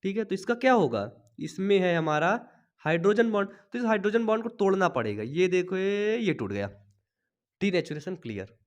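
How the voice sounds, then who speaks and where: A young male teacher with a high voice runs a chatty biology lesson for students, tossing out questions and answering them himself. He has a cold and keeps coughing. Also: big pitch swings, normal speed. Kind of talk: board exam lesson for students.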